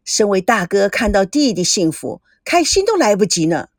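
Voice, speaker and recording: A woman voicing a sly, playful older brother who teases in a lowered, drawling voice. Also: sing-song, moderate pace, dry recording, clean studio sound. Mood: smug.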